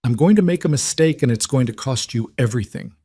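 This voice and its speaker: A man's voice: fairly low pitch, lively intonation, normal speed, a little mellow, no room sound, clean studio sound. A man voicing a frightened young woman, pleading. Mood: tearful pleading. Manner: pleading, tearful. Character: frightened young woman caught in mob danger. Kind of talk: audiobook character reading.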